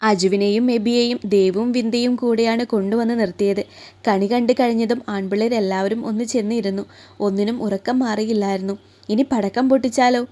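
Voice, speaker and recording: A woman storyteller reading a romance story aloud in a soft, even manner. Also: medium pitch, a little fast. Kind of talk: scripted narration of a romance story.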